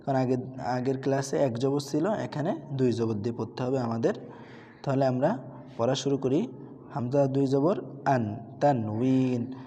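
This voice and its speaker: A man teaching Quran reading, drilling letters one by one and drawing out his recitation slowly. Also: mid-range voice, dark tone. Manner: slow drawn-out recitation between brisk explanations. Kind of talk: Bengali Quran reading lesson. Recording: dull lo-fi sound with long reverb.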